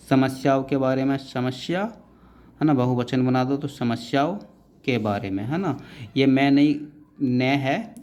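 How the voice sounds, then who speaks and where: A man teaches shorthand outlines at an unhurried, deliberate pace. He says each word, breaks it into strokes and repeats it, and his pitch sits in the middle range for a man. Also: mellow, muffled recording. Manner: often adds the tag "है ना" and gives short instructions. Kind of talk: dictation-style tutorial explaining outlines.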